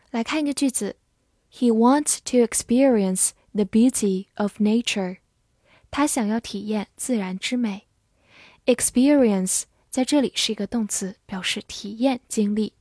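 A woman's voice: mid-range voice, darkish tone, no room sound. A woman teaching English vocabulary, spelling each word out letter by letter and explaining it step by step. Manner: slow, spells words letter by letter.

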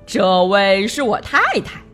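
A woman voicing a polite but scheming male stork doctor in a children's storybook, drawing out his words smoothly. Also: medium pitch, a bit bright, faint music behind, natural voice. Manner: drawn-out, smooth-talking.

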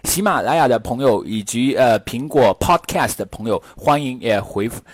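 A man with a slightly husky voice hosts a casual podcast English lesson. He talks in a chatty way, pausing often on fillers, and slows right down to say his English example sentences. The close, dry mic leaves no room sound. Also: medium pitch, animated, no echo. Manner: chatty, many filler pauses, slow careful English examples. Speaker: English teacher, podcast host.

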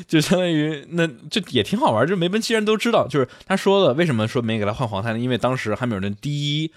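一位男主持人用轻松闲聊的方式回顾赛车比赛，说话常常重复、停顿再接着讲。. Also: male voice, on the high side, animated, no echo, clean studio sound. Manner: fast, rambling, many restarts and fillers. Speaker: podcast co-host. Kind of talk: casual race-review chat.

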